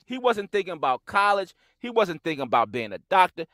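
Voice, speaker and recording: Animated podcast man, dry close sound. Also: high-pitched, brisk, dry recording, low-quality recording. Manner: animated, repeats "like" and "hey". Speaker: podcast co-host. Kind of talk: casual group chat.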